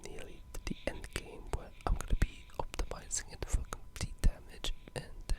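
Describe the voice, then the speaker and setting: An ASMR gaming video creator discusses games casually in a breathy, unvoiced whisper, with a hushed and halting delivery.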